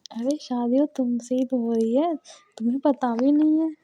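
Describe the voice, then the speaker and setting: Teasing young woman, high mellow voice. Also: normal speed, muffled recording. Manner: teasing, playful, coaxing. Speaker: girlfriend on a phone call. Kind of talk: staged romantic phone call.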